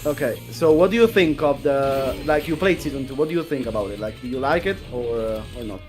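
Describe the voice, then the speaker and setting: A man's voice: medium pitch, fairly quick, music in the background. A man chatting casually, asking questions bluntly and repeating phrases for emphasis.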